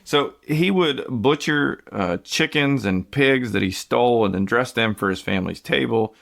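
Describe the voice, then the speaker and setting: An American man with a medium-pitched, creaky, slightly bright voice speaks at a moderate pace. As a podcast host, he tells a true-crime story casually, full of fillers and restarts.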